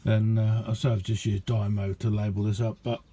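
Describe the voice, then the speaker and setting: A middle-aged amateur radio hobbyist speaks in a very mellow, fairly even, lowish voice at a moderate pace, rambling casually and modestly with self-deprecating humor as he shows his kit in a hands-on video. Faint noise can be heard in the small indoor room.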